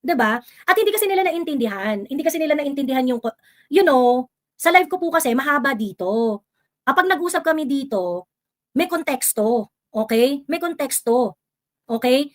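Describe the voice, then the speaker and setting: A woman's voice: sits high, animated, normal speed, long pauses. A Filipino woman hosting a live stream, reading viewer comments and talking politics in a casual mix of Tagalog and English, full of fillers and exasperated asides. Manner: switches between Tagalog and English, many fillers, rising exasperation.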